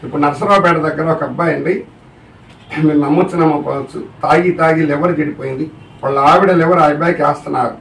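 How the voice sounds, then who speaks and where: A man's voice: a little high, steady tone, fast, gravelly, fairly bright tone, echoey room, far from the mic, slight background noise, poor audio. A man giving a religious discourse to a live audience as a spiritual teacher, often putting questions to the listeners. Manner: keeps asking the audience questions.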